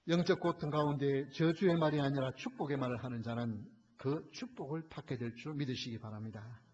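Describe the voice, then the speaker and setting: A male pastor preaching a sermon, addressing the congregation often and switching between hushed, almost whispered asides and loud, fervent climaxes. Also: medium pitch, brisk, a little hiss or hum. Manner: storytelling with many fillers and repeated direct address to the congregation. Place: church sanctuary. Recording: dull, lo-fi church recording.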